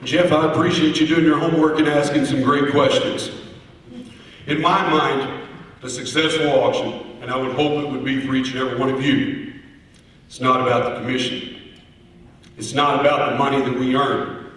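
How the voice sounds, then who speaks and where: Man, courteous deliberate oratory, long hall reverb, distant recording. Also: mid-range voice, flat delivery, a bit bright. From Oklahoma, US. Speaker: auctioneer, contest finalist. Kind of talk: formal spoken contest answers. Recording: echoey hall, heard from far off.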